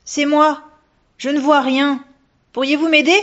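A woman voicing an eager, polite little girl who speaks high and bright. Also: lively intonation, normal speed, slightly rough. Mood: calling out. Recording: dull lo-fi recording.

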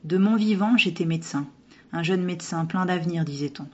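Woman voicing a gentle ghostly young doctor. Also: lowish voice, fairly quick, close to an everyday voice. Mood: recounting. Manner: calm, gentle storytelling. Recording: dull lo-fi recording.

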